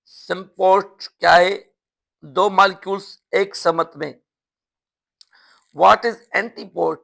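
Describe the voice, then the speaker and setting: A man's voice: high voice, gravelly, a bit bright. A man with a Pakistani accent, a teacher reading out a vocabulary lesson, giving each question and answer and then repeating each term with its meaning. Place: school classroom or study room.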